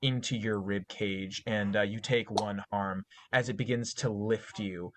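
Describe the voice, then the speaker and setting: A man narrating a tabletop horror game as game master, talking haltingly with many fillers and self-corrections. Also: lowish voice, fairly even intonation, fairly bright tone, a little hiss or hum.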